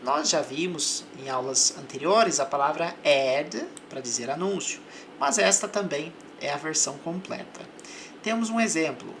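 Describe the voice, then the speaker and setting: A woman's voice: low voice, expressive, normal speed, a bit bright, slight background noise. A woman gives a patient vocabulary lesson, repeating each word and example. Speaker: English teacher. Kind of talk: slow, methodical vocabulary lesson.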